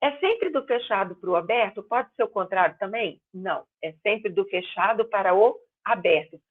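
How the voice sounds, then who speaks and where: A woman teaching a grammar class online, explaining patiently and stressing example words loudly. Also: medium pitch, lively intonation. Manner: explains slowly, stretching and exaggerating words as examples. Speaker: Portuguese teacher. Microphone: video call. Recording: tinny phone-line sound.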